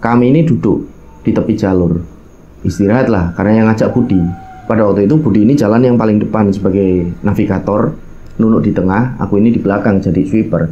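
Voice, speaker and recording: A man with a Javanese accent tells the story of his own mountain hike, speaking colloquially and straight to his listeners, acting out quoted dialogue and slipping in local phrases. His voice is fairly low and quick, with the highs cut off and slight background noise.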